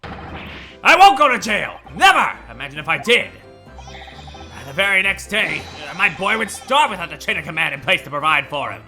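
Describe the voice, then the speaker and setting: A man's voice: a little high, animated, brisk, bright, forceful tone. A man voicing a bossy army sergeant who speaks in clipped military commands, with game music behind. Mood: barking.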